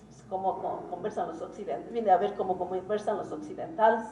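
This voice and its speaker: Halting woman lecturing in a roomy hall. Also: medium pitch. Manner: halting, frequent hesitations. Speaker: symposium speaker and Quichua teacher. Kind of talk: academic lecture. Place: conference hall. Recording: roomy hall, distant mic, faint noise.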